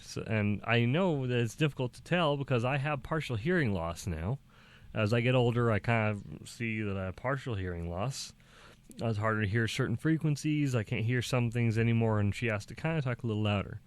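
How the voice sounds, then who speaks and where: A young man talking casually to the camera, halting and restarting, with small laughs between thoughts. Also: medium pitch, no echo. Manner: acts out quoted dialogue in a raised voice. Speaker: vlogger.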